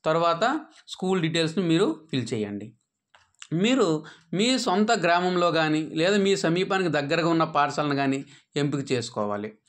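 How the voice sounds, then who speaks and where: A man's voice: expressive, moderate pace, fairly bright tone. Patient man explaining an app. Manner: patient, instructive, with frequent "aa" fillers; drops pitch at sentence ends. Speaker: app tutorial presenter. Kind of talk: step-by-step screen tutorial narration.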